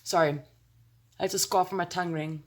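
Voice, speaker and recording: Speaking a little fast in a lowish, darkish voice with fairly even intonation, this South African woman chats her way through a makeup tutorial to camera. She holds her phone close and rambles playfully, tossing in exclamations and sound words.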